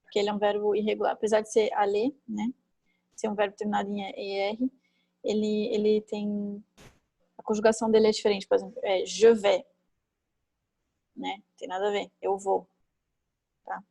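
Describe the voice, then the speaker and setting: A woman teaching a French class online, chatty and thinking aloud, with many fillers and quick tag questions, on a computer mic. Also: mid-range voice, completely flat delivery, creaky, dark tone, no echo, low-quality recording. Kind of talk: online class, explaining grammar.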